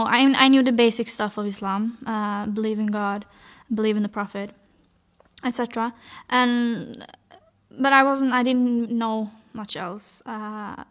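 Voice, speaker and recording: Hesitant young woman telling her story. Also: on the high side. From Norway. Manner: hesitant, many fillers and restarts. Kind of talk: personal testimony, casual.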